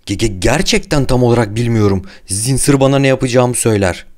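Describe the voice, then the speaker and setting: A man's voice: low voice, fairly quick, darkish tone, lightly acted. A man voicing a frightened middle-aged male scientist who stammers and then rambles on nervously in an audiobook. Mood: terrified.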